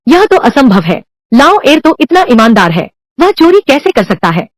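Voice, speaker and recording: A woman's voice: high voice, sing-song, moderate pace, no room sound. A woman doing heated, accusatory dubbed drama dialogue across several roles.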